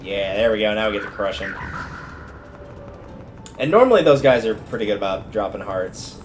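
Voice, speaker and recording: A game livestreamer talks through his play in casual, colloquial commentary, thinking aloud over video game music. His voice sits fairly low, and he sounds very animated while speaking at a normal speed.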